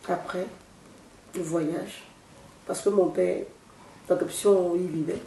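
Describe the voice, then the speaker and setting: A woman's voice: fairly low pitch, creaky, mellow, reverberant, slight background noise. A singer, giving a solemn, devotional testimony in an interview at her home. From Côte d'Ivoire. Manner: slow, solemn, devotional phrasing. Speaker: gospel singer, interview guest.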